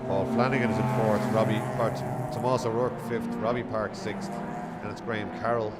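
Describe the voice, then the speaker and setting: Male motorsport commentator, fairly low pitch, live race calling, self-correcting asides, heavy engine noise in background. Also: little pitch movement, moderate pace. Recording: loud car engine and trackside noise. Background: racing cars and outdoor track noise.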